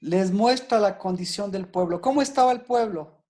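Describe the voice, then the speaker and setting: A woman preacher giving an interactive Bible lesson. She repeats her questions to the listeners and gets excited by their answers. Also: medium pitch, moderate pace.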